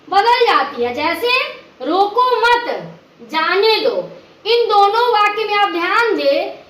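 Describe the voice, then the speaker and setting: A woman teaches grammar, speaking in a very high, bright voice. She moves slowly and deliberately, stopping to walk through each example. The sound bounces around a roomy, echoey space. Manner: slow, careful, explains with examples. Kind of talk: explaining a grammar lesson.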